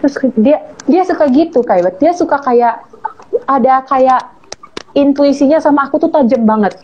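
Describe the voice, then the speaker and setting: A woman telling a heartfelt personal story as an interview guest, earnest and slowing on key words. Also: sits high, lively intonation, darkish tone. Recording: muffled lo-fi audio with faint hiss.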